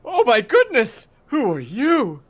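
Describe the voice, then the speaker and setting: A man's voice: very high-pitched, huge pitch swings, takes it slowly, voice pushed up, exaggerated voice. A man voicing a polite, daffy living skeleton in a genteel, theatrical manner for a comic manga dramatization. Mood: astonished.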